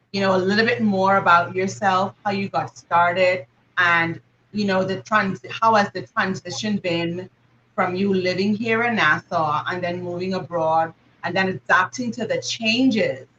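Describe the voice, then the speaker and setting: A woman's voice: on the low side, a bit bright, highs cut off, a little hiss or hum. A Bahamian woman hosting a live stream, effusive and chatty, calling her audience darlings. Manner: exuberant, effusive, calls the audience darlings and y'all. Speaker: host.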